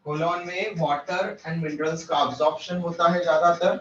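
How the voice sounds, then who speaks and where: A man with a fairly high voice teaches a biology lesson at a moderate pace and in a steady tone, explaining step by step and mixing English terms into his Hindi. He keeps quizzing his students. The mic sits at a distance in an echoey classroom, so the sound comes across muffled.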